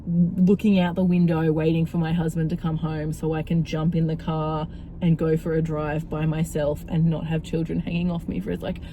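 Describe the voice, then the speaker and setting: Casting: young woman, mellow, slightly low voice, crying and overwhelmed, weary confessional car rant. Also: flat delivery, moderate pace, low-quality recording. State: tearful, stressed and overwhelmed, crying while talking in the car. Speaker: vlogger and mother. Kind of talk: casual confessional vlog rant. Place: inside a car. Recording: car interior with vehicle noise.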